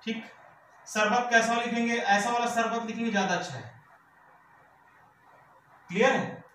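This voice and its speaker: High-pitched guy teaching vocab, keeps asking "clear?", sounds far off in a big echoey room with faint background noise. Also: unhurried, bright, forceful tone. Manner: repeats words with rhetorical questions, checks "clear?". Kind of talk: exam-prep vocabulary lesson.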